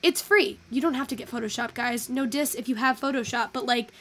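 A young woman chatting casually through a photo-editing tutorial, thinking out loud and swearing now and then. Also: fairly high pitch, fairly quick, slight background noise. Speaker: virtual photography streamer.

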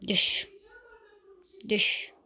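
A woman's voice: extremely slow, sharp tone. A young woman talking casually over her own gameplay, chatty and easily exasperated, with teasing asides. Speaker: gaming youtuber.

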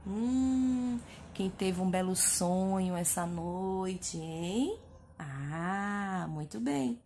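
A young woman teacher with a northeastern Brazilian accent sounds out syllables for first graders at a very slow, deliberate pace. Her pitch swoops up and down in a sing-song way as she praises the children. The voice is mellow and soft-edged. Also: animated, a little hiss or hum. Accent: Brazilian Portuguese, northeastern. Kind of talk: recorded phonics lesson for young children.

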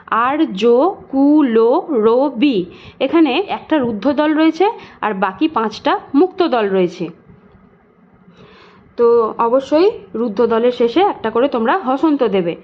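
A woman tutor taking schoolchildren through a grammar lesson step by step, asking questions and then answering them herself, and slowing right down to sound out syllables. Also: high voice, highs cut off. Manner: patient, explains step by step with rhetorical questions.

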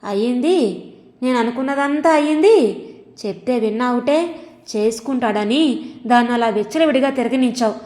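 A woman's voice: a little high, lively intonation, normal speed, pauses often, darkish tone, close to an everyday voice. A woman voicing an angry middle-aged husband who scolds his wife harshly and sarcastically, recorded with long reverb. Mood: scolding.

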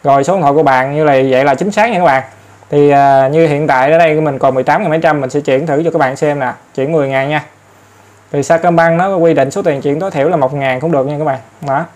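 A tutorial host gives a casual step-by-step phone tutorial, standing in front of an ATM for part of it. He's a fast talker with a fairly high, darkish voice and fairly even intonation. Chatty and full of repeated fillers, he speaks straight to his viewers often.

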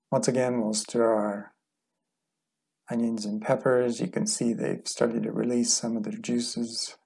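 A middle-aged man calmly walking through a cooking demonstration in a home kitchen, relaxed and plain-spoken. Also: medium pitch, gravelly, husky. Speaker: cooking instructor. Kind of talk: calm step-by-step cooking demonstration.

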